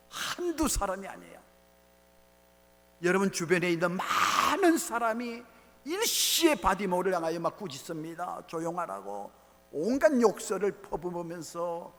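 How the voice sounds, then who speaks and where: Korean pastor preaching in a reverberant hall. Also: male voice, a little high. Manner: preaching with rising shouts and sudden quiet drops. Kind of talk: sermon. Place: large church sanctuary.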